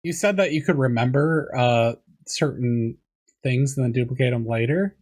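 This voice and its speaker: Inquisitive man interviewer, mid-pitched voice. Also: normal speed, darkish tone. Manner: inquisitive, probing. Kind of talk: casual interview chat.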